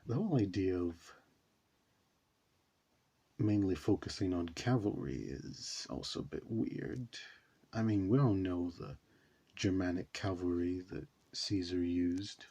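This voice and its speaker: A man's voice: sits low, dark tone, breathy edge. A man hosting a reaction video, talking casually and rambling with many fillers. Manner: rambling, says you know a lot.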